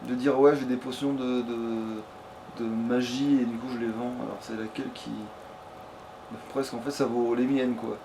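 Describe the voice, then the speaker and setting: A man with a mid-range, fairly flat voice talks at normal speed while playing a game, giving casual let's play commentary that's slangy and full of swearing as he thinks out loud. The capture is a noisy home gaming setup.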